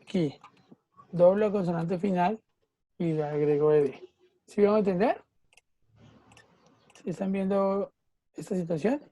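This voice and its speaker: A woman's voice: on the low side, a little slow, pauses often, mellow, no room sound. A woman teacher, patiently explaining a grammar rule in an online class and checking often that students follow. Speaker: English teacher.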